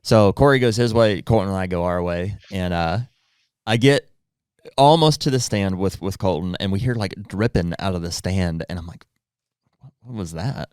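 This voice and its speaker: A man with a low, smooth and clear voice tells a long, rambling hunting story in casual podcast chat. He acts out what other people said along the way. The sound is close and dry. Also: moderate pace, a little mellow, no echo. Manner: rambling anecdote with acted-out quotes. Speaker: hunting guide, podcast guest.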